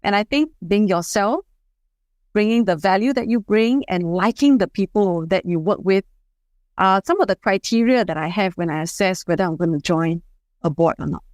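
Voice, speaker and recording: A woman in her fifties from Singapore, speaking as a guest in a podcast interview, measured and advisory, often saying "you know". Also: mid-range voice, darkish tone, no room sound. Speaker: guest, HR leader and board member.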